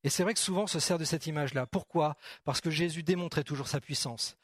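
A middle-aged man preaching a sermon in a church hall, animated and asking the congregation questions directly. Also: fairly high pitch, fast, studio quality.

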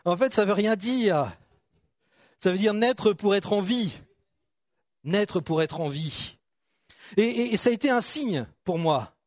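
A pastor delivers a sermon in a chatty, joking way, often breaking off and starting over as he addresses his congregation. His voice sits high for a man and is expressive and slow, with frequent pauses, recorded close and dry with no room echo.

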